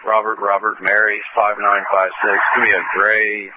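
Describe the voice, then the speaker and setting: Over a police radio, a man with a fairly low voice reads out numbers in a brisk, businesslike way. Loud static and hiss sit under his words, and the dull, muffled channel takes the edge off his voice. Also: completely flat delivery. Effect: police radio transmission. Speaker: police officer. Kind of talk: police radio traffic, reading out license and plate numbers.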